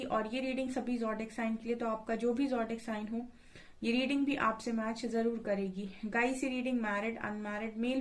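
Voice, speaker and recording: Female tarot reader, fairly high voice, casual and soothing, distant echoey room sound. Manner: calm, reassuring, repeats "guys" and "okay" often. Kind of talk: casual tarot reading to camera. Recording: echoey room from far off the mic.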